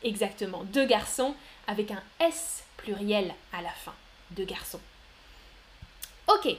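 A woman teaching a live online French lesson, speaking slowly and clearly, praising students and reading their chat replies aloud. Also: medium pitch, lively intonation. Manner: slow, clear, encouraging, reads chat names aloud.

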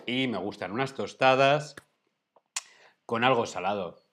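A man with a Spanish accent chats casually and plays around with jokes. His voice sits in a middle pitch and keeps a light, teasing tone. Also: a little slow, noisy background. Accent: Spain Spanish. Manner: playful, jokey. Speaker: co-host. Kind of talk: casual chat.

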